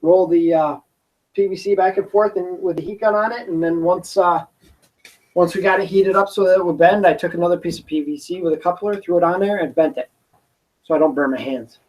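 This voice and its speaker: A man hosting a casual craft workshop stream, explaining his build in a relaxed, rambling way while he works. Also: high voice, fairly quick, low-quality recording. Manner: easygoing, rambling, talks while working with hesitations. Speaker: prop-building workshop host. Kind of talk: casual livestream craft tutorial. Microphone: camera on a desk he moves around.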